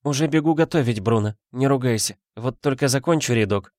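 A man's voice: medium pitch, fairly quick, no echo, studio quality, pitched above the performer's own voice, lightly acted. A man doing a meek, timid young wife. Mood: meek, soft. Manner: soft, meek.

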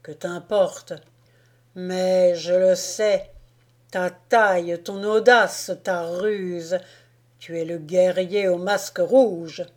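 Woman reading proud Gaulish giant warrior, grave and slow, audiobook. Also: lowish voice, steady tone, a little mellow.

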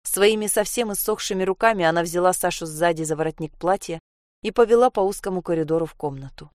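A woman narrating a story in an even, measured reading. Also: on the low side, dry recording, clean studio sound.

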